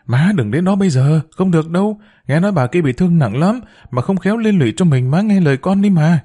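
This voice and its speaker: A man's voice: on the high side, expressive, brisk, mellow. A man voicing a young woman who begs her mother not to go. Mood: pleading. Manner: pleading, urgent. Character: young woman, pleading elder daughter.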